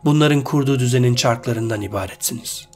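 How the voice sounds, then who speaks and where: A man's voice: medium pitch, fast talker, soft background music, close to an everyday voice. A man voicing a cruel, scheming male sorcerer in a storybook, speaking in a mocking, coldly persuasive way. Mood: false sorrow. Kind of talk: storybook character voice.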